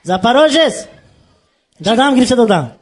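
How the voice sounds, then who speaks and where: In a fully acted character voice, a man plays a cheerful, naive Tajik migrant in Moscow on a comedy phone call, bumbling through broken Russian mixed with Tajik in a Tajik accent. His pitch is extremely high with big swings, and he speaks a little slowly with a slightly rough quality.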